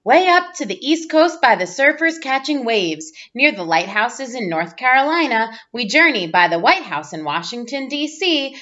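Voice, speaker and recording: A teacher reads a children's picture book aloud with playful expression, her high, a bit bright voice swinging widely in pitch. She's indoors in a small room at home, and the sound is slightly dull and lo-fi, like a webcam.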